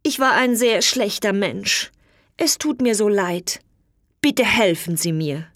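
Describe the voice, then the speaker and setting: A woman voicing a foolish young knight who later repents, earnest and raised in pitch. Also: takes it slowly, fairly bright tone, no room sound, clean studio sound. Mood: remorseful.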